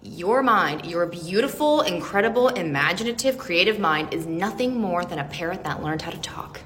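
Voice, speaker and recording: A woman's voice: lowish voice, animated, moderate pace, fairly bright tone. A woman giving an earnest, emphatic motivational talk in a casual way, now and then swearing for emphasis. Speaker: self-help speaker. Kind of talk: motivational monologue to camera. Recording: long reverb, faint background hiss.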